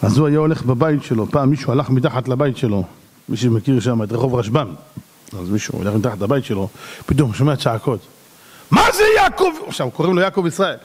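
A rabbi giving an animated sermon, acting out little dialogues and shouting at the peaks. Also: male voice, mid-range voice, big-room sound, a little hiss or hum.

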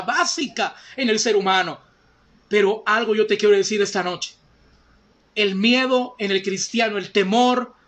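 Male pastor, very high voice, fervent sermon delivery addressing the congregation directly. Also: fairly bright tone. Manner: fervent preaching, addresses listeners as brothers and sisters.

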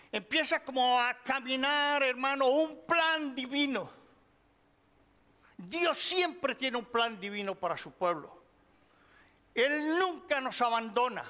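Middle-aged preacher guy, unhurried bible teaching, church hall echo. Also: very high voice, pushed and bright. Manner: slow, measured Bible teaching, addressing listeners as brothers. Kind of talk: sermon. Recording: long hall reverb.

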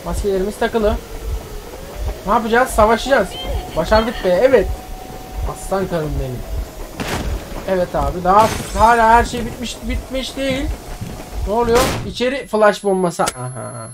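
A man giving live gameplay commentary as a streamer, excitable, swearing and yelling at the action on screen. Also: high voice, moderate pace, pauses often, noisy background. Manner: excitable, swears and yells at the game. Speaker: gaming streamer.

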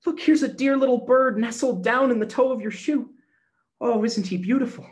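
A man voicing a sweet, hopeful little peasant girl in a storybook, with a high, breathless, childlike manner. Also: lively intonation, fast talker. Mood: excited.

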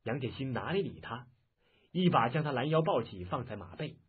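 A man reading a martial-arts novel aloud as a dramatic, animated audiobook narrator. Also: mid-range voice, a little fast, breathy edge. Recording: muffled, phone-like lo-fi audio.

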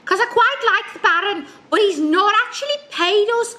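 A dim but cheeky pantomime household helper. The voice is extremely high and swings about in pitch, chatty and bumbling like a comic sidekick. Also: female voice, lively intonation, normal speed, sharp tone, full character voice. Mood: comic confusion. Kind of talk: comic pantomime mock interview.

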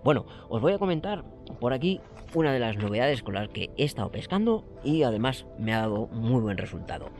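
A man's voice: mid-range voice, very animated, fairly quick, a little mellow, faint music behind. A man in his forties hosting a fishing vlog, talking eagerly and exclaiming often, recorded outdoors by a lake on an action camera. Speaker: fishing channel host. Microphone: action camera, close framing.

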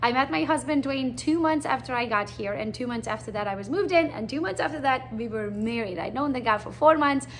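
Speaking quickly with hardly any pauses, a high-voiced woman tells animated, chatty stories about her realtor career in a recruiting presentation, never mincing words. She is in her forties, from Transylvania in Romania, and has a Hungarian accent. There's slight background noise.

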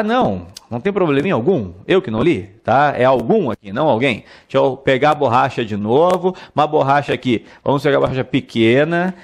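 A man's voice: mid-range voice, gravelly. A man teaching an online exam-prep grammar lesson, drilling examples and coaxing viewers to answer aloud. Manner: repeats words and drills examples. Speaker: Portuguese teacher.

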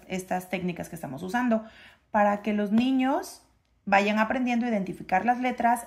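A woman reads a children's letter book aloud. She sounds out each letter in a sing-song voice and draws out the sounds. Her pitch sits in an ordinary middle range. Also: vocal fry. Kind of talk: reading a phonics book to a child.

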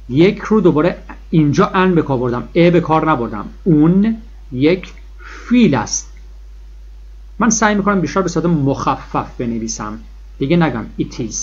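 A man teaching a grammar lesson, his voice sitting a touch high and coming through husky. He stresses and repeats every key point and draws example words out slowly. The recording is dull and lo-fi. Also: a little mellow. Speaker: English teacher. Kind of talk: classroom-style grammar lesson.

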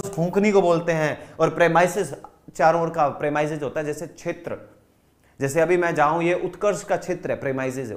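A man with an Indian accent leads an online exam-prep English lesson, mixing Hindi with English terms. His voice sits a little high, and he works through word lists one by one. He keeps asking whether his students are following. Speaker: teacher.

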